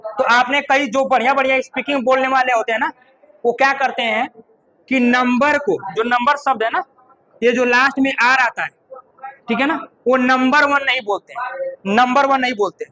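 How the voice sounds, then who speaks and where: High, bright-voiced man teaching grammar. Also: steady tone, moderate pace, poor audio. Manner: repeats points and keeps asking "ठीक है ना"; asks the class questions and answers them himself. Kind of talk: classroom lecture.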